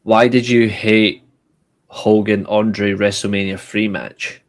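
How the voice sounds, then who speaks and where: A man's voice: fairly low pitch, little pitch movement, slow. A man, chatting casually on a podcast in a blunt, joking way and swearing freely. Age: 20s. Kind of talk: casual chat.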